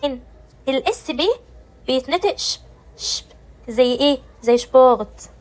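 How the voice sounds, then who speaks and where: High-voiced Egyptian woman teaching pronunciation. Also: moderate pace, darkish tone, rough recording. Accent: Egyptian Arabic. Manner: explains step by step, asks and answers her own questions. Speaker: German teacher. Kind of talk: pronunciation lesson.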